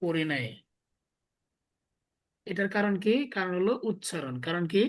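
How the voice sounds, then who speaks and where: A man with a high voice, speaking a little slowly, teaches a small class step by step, testing his students by putting the same question to them repeatedly.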